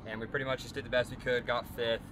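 A young man talks casually into a handheld camera outdoors, his voice weak and pained, slangy and a bit dejected. Steady outdoor noise and passing vehicles sit clearly behind him. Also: medium pitch, quick pace. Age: young adult. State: in pain and weak. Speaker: motocross racer and vlogger. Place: outdoor race pits by trucks and trailers. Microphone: handheld camera at arm's length.

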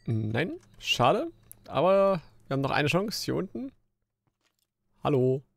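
Gravelly man chatting over gameplay. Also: a little high, slow. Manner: chatty, grumbling and joking at the game; jumpy bursts of excitement while fighting. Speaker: Let's Play host. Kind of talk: casual gameplay commentary.

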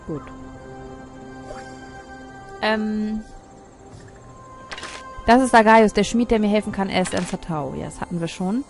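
A woman's voice: mid-range voice, measured pace, long pauses, soft background music. Chatty woman doing gameplay commentary. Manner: chatty, reads game text aloud, muttering asides. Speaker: let's player.

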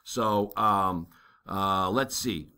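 In this worked-problem math lesson, a navigation instructor narrates his own writing while calculating a navigation problem. He has a deep, clean-toned voice that is also bright and a little tense, and he thinks aloud with plenty of fillers and quick "okay?" checks.

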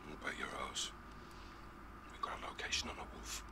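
A hard British man in command of a game's special forces raid, as an actor plays him. He gives quick, clipped, hushed orders over clear background noise. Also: close to an everyday voice. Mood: curt. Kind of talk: video game military radio chatter.

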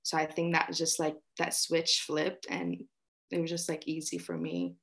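A woman's voice: deep voice, big pitch swings, normal speed, creaky, a bit bright. A woman in her twenties from Egypt, a guest on a video-call interview, talking casually with lots of fillers. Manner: chatty, many fillers like "like". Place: small room indoors.

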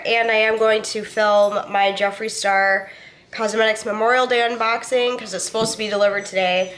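A young vlogger, nasal and stuffy from a head cold, chats into a handheld camera held close to her face while settled on her living room couch. She rambles in a relaxed, easygoing way and swears casually, her voice fairly high and a bit bright.

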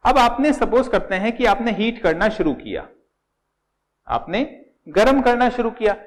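Middle-aged Indian male teacher, higher-pitched voice, patient step-by-step lecturing, fond "beta" to students. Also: very animated, normal speed. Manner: explains step by step, asks and answers own questions, calls students "beta". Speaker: chemistry teacher. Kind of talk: classroom lecture in Hindi with English terms.

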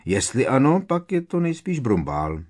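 A man's voice: mid-range voice, sing-song, darkish tone, pitched above the performer's own voice. A man voicing a cocky, teasing teenage twin boy in an audiobook. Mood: smug. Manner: smug, teasing.

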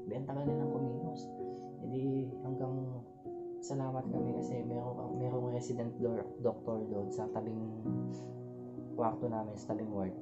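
A young man telling a personal story in a halting way, full of fillers and restarts. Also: medium pitch. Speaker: vlogger, husband recounting a loss. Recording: dull lo-fi sound over guitar music.

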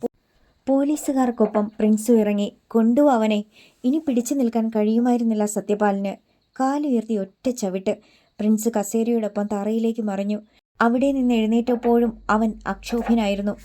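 A woman's voice: fairly high pitch, steady tone, moderate pace, dark tone. A woman reading a dramatic story aloud as an audiobook narrator, voicing the characters' lines in her own voice.

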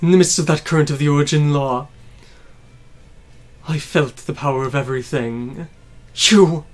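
A woman's voice: low voice, moderate pace, a little mellow, lightly acted. A woman voicing a ranting, grandiose male villain pilot from a mecha game, declaiming threats theatrically. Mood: gloating.

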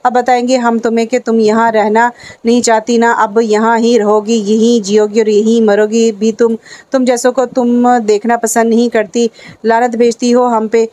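A woman's voice: fairly high pitch, level tone, mellow, dry recording, natural voice. A woman voicing an arrogant, menacing young male feudal landlord who talks down haughtily and makes threats. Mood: cold menace. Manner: haughty, threatening, speaks of himself as "we".

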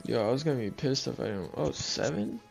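A man's voice: mid-range voice, very animated, a little fast, vocal fry, darkish tone. A man giving casual live slot commentary on a stream, in slangy bro-talk with swearing. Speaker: gambling livestreamer. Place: small indoor room. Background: slot game music.

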